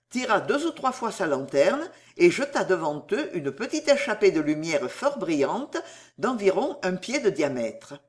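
A woman narrating a classic novel aloud in a measured, expressive storytelling voice. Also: medium pitch. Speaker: audiobook reader.

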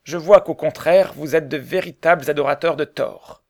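A man's voice: on the high side, moderate pace, gravelly. A man reading the lines of a witty older male scholar in a storybook, in a bantering, ironic way. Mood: teasing.

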